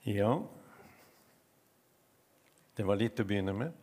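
Creaky, low-voiced older preacher in a hall. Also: male voice, steady tone, a little mellow. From Northern Norway. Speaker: preacher, prayer minister. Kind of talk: unhurried sermon. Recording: long hall reverb.

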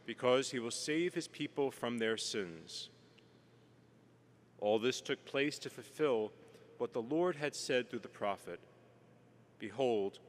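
Man, solemn Gospel reading, formal delivery, middle pitch, long cathedral echo, background noise. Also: a bit bright. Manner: formal, declamatory. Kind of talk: solemn scripture reading at Mass. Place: large reverberant church.

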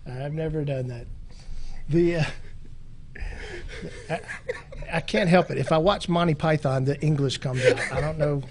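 A middle-aged man with a voice pitched a touch above most men's, talking loosely in a casual chat. He rambles, jokes and laughs often, and sounds like a veteran police training officer. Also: moderate pace, long pauses, a little mellow, slight background noise.

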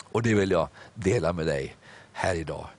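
A man preaching a sermon, reading scripture aloud and acting out its dialogue, with some "eh"s and repeated words. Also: deep voice. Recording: broadcast program.

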